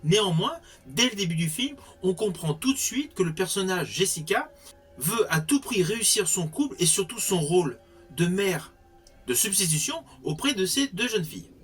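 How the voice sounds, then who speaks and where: High-pitched man reviewing films. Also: big pitch swings, moderate pace, a bit bright, slightly rough, soft background music. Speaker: film reviewer. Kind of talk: spoken film review commentary.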